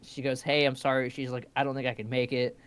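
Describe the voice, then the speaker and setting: A man's voice: medium pitch, quick pace, heavy background noise. A young man co-hosting a live stream, telling stories in casual chat and swearing freely. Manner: animated storyteller, swears a lot. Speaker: stream co-host.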